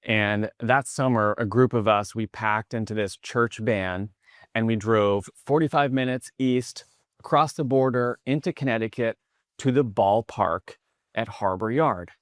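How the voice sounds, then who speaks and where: A man in his thirties from the New York area, giving a motivational keynote in a large conference hall as an energetic storyteller whose voice rises when he gets excited. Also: on the low side, measured pace, clean studio sound. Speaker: keynote speaker.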